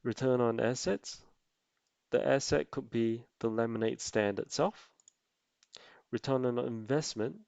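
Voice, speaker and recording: A man narrating an explanatory tutorial as an amateur presenter, speaking haltingly in short phrases. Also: medium pitch, gravelly, darkish tone, no echo, muffled recording. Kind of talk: explanatory investing tutorial voice-over.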